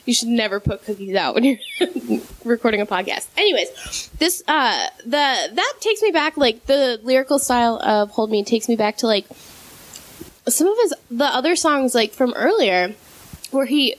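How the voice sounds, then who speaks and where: A woman's voice: fairly high pitch, big pitch swings, moderate pace. A young woman co-hosting a podcast, rambling casually about music with lots of fillers and giggles, sometimes talking through a mouthful of food. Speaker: podcast co-host.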